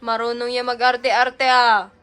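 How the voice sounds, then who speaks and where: High bright soothing young woman. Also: level tone, a little slow, a little hiss or hum. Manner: soft coaxing singsong, often hushed. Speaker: older sister babysitting a baby. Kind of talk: casual baby talk in home vlog.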